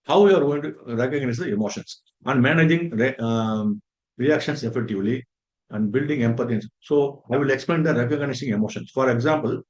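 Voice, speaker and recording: A man's voice: medium pitch, brisk, highs cut off. A man giving a faculty development lecture, earnest and repetitive, stressing points as very, very important and working through everyday examples. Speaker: resource person for a faculty development program.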